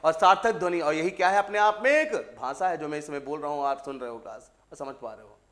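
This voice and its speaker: A male teacher giving an exam-prep grammar lesson, asking the class the same questions over and over and stretching out key words. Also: fairly high pitch. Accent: Hindi. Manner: repetitive call-and-response questioning, addresses students as "beta"; drawn-out stressed words with sudden loud and soft swings.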